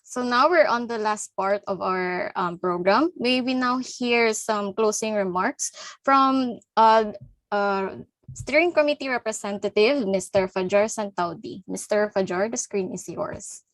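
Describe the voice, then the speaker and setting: A woman's voice: mid-range voice, unhurried, dry recording. A woman acting as MC of an online panel discussion, cheerful and laughing lightly between lines. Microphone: video call.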